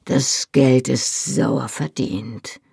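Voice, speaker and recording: Reader playing a rowdy, grinning Highlander calling out jokes, gravelly voice, dry close sound. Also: fairly even intonation, very slow, a little mellow, no room sound, heavily acted. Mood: boisterous teasing. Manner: boisterous, bantering. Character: loud, lusty burly Highland man, teasing.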